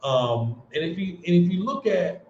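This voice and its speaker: A man's voice: high-pitched, expressive, moderate pace, darkish tone, slight background noise. An American man hosting a casual livestream, talking earnestly with lots of restarts and fillers. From United States. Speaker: livestream host. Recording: roomy, dull-sounding stream audio.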